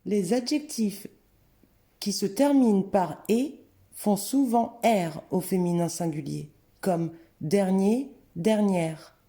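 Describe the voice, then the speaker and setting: Woman teacher for a grammar lesson: slow, careful delivery, very warm dark tone. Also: medium pitch. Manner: slow, careful, clearly spelled-out word examples. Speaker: French teacher. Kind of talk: scripted lesson narration.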